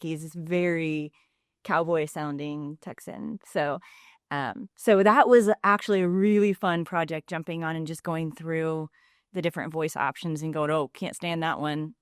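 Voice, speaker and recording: Chatty, smooth-voiced woman in her forties. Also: low voice, no echo, studio quality. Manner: chatty, laughs often, quick asides. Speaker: guest. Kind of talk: casual podcast conversation.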